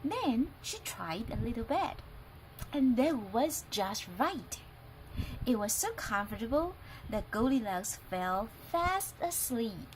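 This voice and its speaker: A woman from Taiwan, an English teacher, reading a picture book aloud in an expressive storytelling way. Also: a little high, slow, slight background noise, rough recording.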